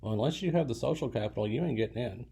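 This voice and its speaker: A man's voice: medium pitch, expressive, rapid-fire, creaky, dark tone, husky. A man giving a recorded lecture in a loose, casual way, full of fillers and restarts, now and then stifling a yawn. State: yawning. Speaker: college lecturer.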